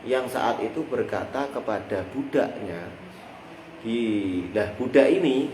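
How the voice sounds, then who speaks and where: Animated and a little slow, a Javanese-accented man with a mid-range voice teaches a lesson on a classical Islamic text. He grounds his explanations in everyday examples and gets the audience to finish his sentences. The room is echoey, with faint noise behind him.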